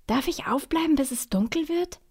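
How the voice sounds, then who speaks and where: A woman's voice: sits high, animated, moderate pace, darkish tone, pitched above the performer's own voice. A woman voicing an eager, curious little boy in a bedtime storybook.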